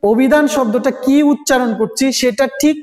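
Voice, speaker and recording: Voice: high-pitched, brisk, a little mellow. A teacher giving a recorded grammar lesson, constantly asking students rhetorical questions and repeating sounds. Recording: echoey room with long reverb.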